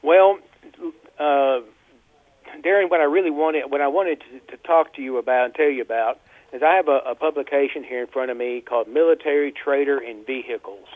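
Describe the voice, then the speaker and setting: A man's voice: mid-range voice, dry recording. A man calling in over a landline phone. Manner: rambling, halting with fillers. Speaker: caller. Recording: tinny landline phone line.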